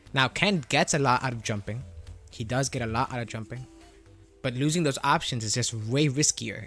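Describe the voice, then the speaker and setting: This is a streamer talking through a voice changer filter, and what comes out sounds like a man with an ordinary mid-range pitch. The talk is a relaxed, patient game-coaching chat, full of rhetorical "right?" checks and light laughs. Faint music plays quietly underneath. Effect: voice changer filter, output sounding male.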